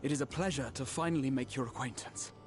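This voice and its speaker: A man plays a courteous scholar-adventurer in a fantasy game. His medium-pitched voice is formal and admiring, with music clearly behind it. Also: fast talker, natural voice. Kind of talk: scripted fantasy game acting.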